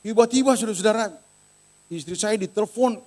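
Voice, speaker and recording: A middle-aged pastor with a high-pitched, fairly quick voice preaches a sermon in church. He animatedly tells a story, acting out the voices in its quoted dialogue.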